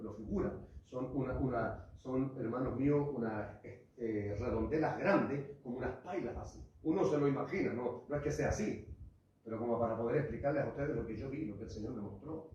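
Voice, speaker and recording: A man preaching an impassioned sermon, his voice swinging between fervent cries and hushed asides as he keeps calling out to his congregation. It comes from a distance in a large church hall with heavy echo, and the sound is a little dull. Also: mid-range voice, slight background noise. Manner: addresses the congregation as "hermano" and "iglesia". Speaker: pastor. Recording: echoey hall, voice far from the mic, muffled.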